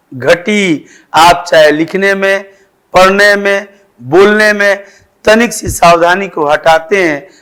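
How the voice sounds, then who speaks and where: A man's voice: a little high, a bit bright. A male teacher explaining grammar to schoolchildren, repeating examples with emphasis.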